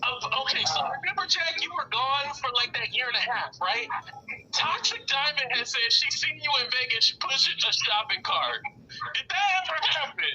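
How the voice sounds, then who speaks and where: Bright, sharp-voiced woman hosting casual chat. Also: sits high, lively intonation, normal speed, faint music behind, rough recording. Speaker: host interviewing guests. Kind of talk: casual live chat interview.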